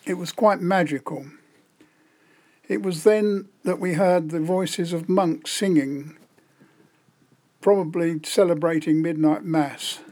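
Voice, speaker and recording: Older guy in his 70s, slightly high voice, dry self-mocking humor, reading out a memory. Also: slow pace, long pauses, a little mellow. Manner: wry, self-deprecating. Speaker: storyteller. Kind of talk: scripted personal reminiscence.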